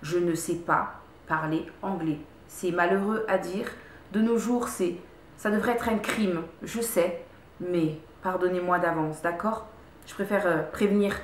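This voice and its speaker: A woman's voice: fairly low pitch, measured pace, a little hiss or hum. Chatty woman reviewing products in an echoey room. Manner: chatty, repeats words, many fillers and restarts. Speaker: beauty vlogger. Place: room at home.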